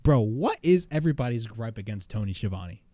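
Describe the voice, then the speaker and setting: A man's voice: fairly low pitch, very animated, brisk, mellow, no echo. A man reviewing a wrestling show in casual commentary, blunt, opinionated and swearing freely.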